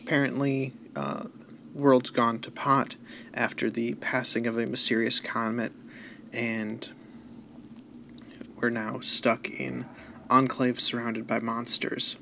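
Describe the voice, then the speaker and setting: A man's voice: mid-range voice, level tone, slow, creaky, long pauses, a little hiss or hum. A man giving casual, laid-back commentary on a game he is playing, thinking aloud and making dry jokes. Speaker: let's play host. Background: loud game music.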